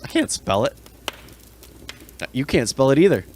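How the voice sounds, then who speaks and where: A man's voice: mid-range voice, very animated, measured pace, darkish tone, a little hiss or hum. A man co-hosting a podcast, talking in a blunt, rambling way and complaining about his coworkers in a casual chat. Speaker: podcast co-host.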